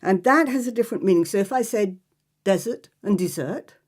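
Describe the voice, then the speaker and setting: A woman teaching phonics to trainee teachers, slowly drawing out each example sound. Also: mid-range voice, darkish tone. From Ireland.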